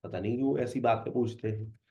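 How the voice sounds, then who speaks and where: A man's voice: medium pitch, brisk, mellow. A man, teaching a class and repeating example phrases one after another as drills. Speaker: English teacher. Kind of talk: classroom lecture. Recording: echoey room.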